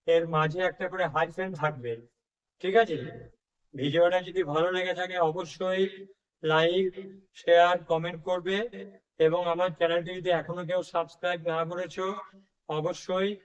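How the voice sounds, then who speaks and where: A man tutoring English, explaining a lesson in a slow classroom manner and drawing out each example word. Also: high-pitched, level tone, clear, resonant tone, dull audio. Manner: slow, deliberate, drawn-out example words.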